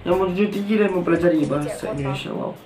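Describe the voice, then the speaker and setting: A man's voice: high voice, racing. Malaysian guy doing a reaction vid, casual, roomy echo, bit of music. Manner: repeats phrases from the video. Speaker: reaction video host. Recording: echoey room, faint music.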